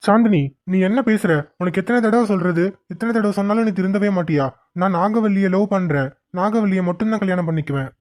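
A woman voicing a quick-tempered young man in a cartoon, with a snappy, scolding manner. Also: mid-range voice, a little mellow, dry recording, close to an everyday voice. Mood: stern. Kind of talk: cartoon voice acting.

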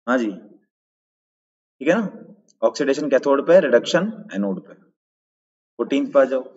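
A man's voice: medium pitch, sing-song, slow pace, darkish tone, husky. A man teaching a live online quiz lesson, explaining answers step by step and checking in with his viewers. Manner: greets viewers in chat and asks for answers. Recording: dull, lo-fi sound with long reverb.

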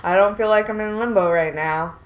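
A woman's voice: medium pitch, a little fast, rough recording. A woman co-hosting a casual let's play, cracking dry jokes and asking playful questions about the game. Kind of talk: casual gameplay chat.

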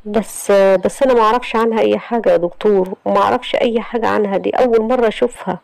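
A woman's voice: medium pitch, steady tone, fast, creaky, a little mellow, no room sound, pitched above the performer's own voice, lightly acted, poor audio. A woman voicing a frightened young man with an Egyptian accent, stammering in alarm. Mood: anxious. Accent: Egyptian Arabic. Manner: tense, stammering.

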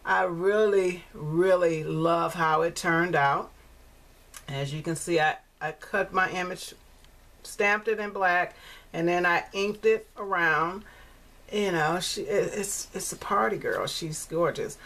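A woman in her sixties showing her handmade card in a chatty vlog, repeating herself and filling pauses with ums. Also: lowish voice, a bit bright. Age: 60s. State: coughing, choking on fumes. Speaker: crafting vlogger. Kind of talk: casual show-and-tell vlog.

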